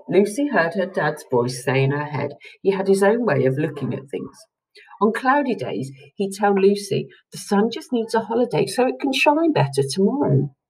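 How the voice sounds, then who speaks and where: A woman reading a children's book aloud to listeners with expressive storytelling. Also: mid-range voice, slightly rough, poor audio.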